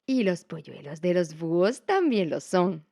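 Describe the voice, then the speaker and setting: Kind little storybook bear cub, played by a woman, warm and reassuring, lively pitch. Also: measured pace, vocal fry, no room sound, studio quality, heavily acted.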